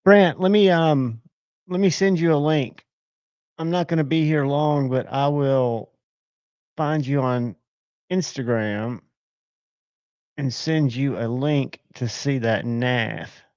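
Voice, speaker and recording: A man's voice: mid-range voice, takes it slowly, pauses often, a little mellow, clean tone, no echo, dull audio. A man hosting a casual live stream, rambling and talking to himself as he checks his screens. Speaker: livestream host.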